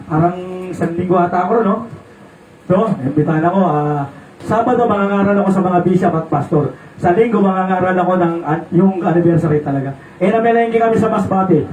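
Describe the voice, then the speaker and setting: A Filipino preacher delivering an animated sermon, moving from quiet storytelling to loud exclamations. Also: male voice, sits high, a little hiss or hum. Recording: echoey room, mic from a distance.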